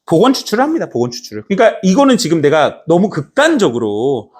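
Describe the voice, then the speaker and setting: A man teaching a math class, lively and chatty, acting out little scenes and often asking if students follow. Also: a little high, fast. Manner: lively, acts out little scenes and keeps checking understanding. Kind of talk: classroom lecture.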